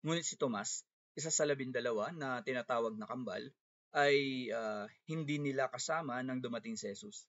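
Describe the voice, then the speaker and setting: A male evangelist leading a Bible lesson, opening with a prayer and reading a scripture passage aloud with careful, measured delivery. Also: medium pitch, a bit bright. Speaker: evangelist teacher. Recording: slightly dull lo-fi sound.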